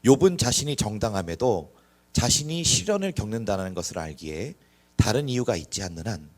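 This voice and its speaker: A man's voice: on the low side, very animated, fairly quick. A male pastor preaching to a young adult congregation in a church, earnest and full of rhetorical questions. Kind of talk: sermon.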